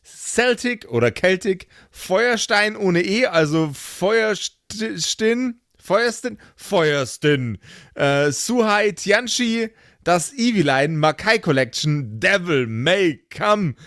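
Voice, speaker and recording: Animated yet unhurried, a man with a high, fairly bright voice closes out his improv tabletop RPG podcast, playfully reading supporter names and chatting to listeners. The sound is clean studio quality without any room reverb.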